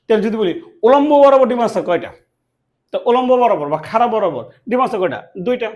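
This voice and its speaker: A man's voice: sits high, very animated, fast talker, a little mellow, lo-fi sound. A man from Bangladesh, teaching a classroom math lesson, asking questions and answering them himself. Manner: asks and answers his own questions, repeats key words.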